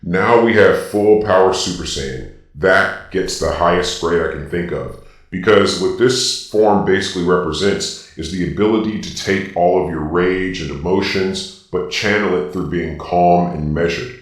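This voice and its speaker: A video host talks at a moderate pace through a deep, robotic voice filter like Darth Vader's, giving informal, opinionated ranking commentary that's partly improvised. He lays out his reasoning point by point with emphasis. The recording is very echoey, as if he's far from the mic.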